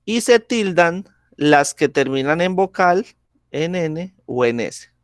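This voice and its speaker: A male teacher talks very slowly and patiently, with a slightly raised pitch. He keeps checking in with the class. The sound is dry and close, like a video call. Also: animated, no room sound. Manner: slow, patient, checks in with frequent "¿sí?". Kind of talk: classroom grammar lesson.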